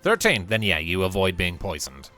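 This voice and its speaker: Casual gm dude narrating the game, bouncy lively voice, lots of likes and uhs. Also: male voice, sits low, normal speed, soft background music. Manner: chatty, animated, filler-heavy. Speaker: game master.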